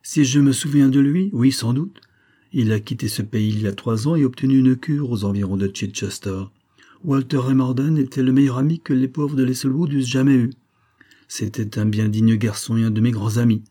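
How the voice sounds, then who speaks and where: Audiobook, elderly doting father voiced by a man, emphatic, fond, husky. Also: mid-range voice, moderate pace, mellow, voice pushed up, lightly acted. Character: warm-hearted old colonel, doting father.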